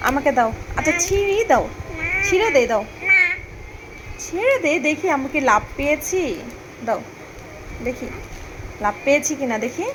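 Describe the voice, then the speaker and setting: A young Bangladeshi mother filming a family vlog at home, sweet-talking and pleading with her small children. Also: sits high. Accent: Bangladeshi Bengali. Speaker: vlogger mother. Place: home, indoors. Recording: noisy home phone recording.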